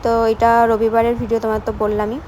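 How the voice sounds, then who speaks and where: A woman's voice: a little high, monotone, quick pace, dark tone, a little hiss or hum. A young woman with a West Bengal Bengali accent, chatting casually to her viewers in a home vlog. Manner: chatty, addresses viewers directly. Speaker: vlogger.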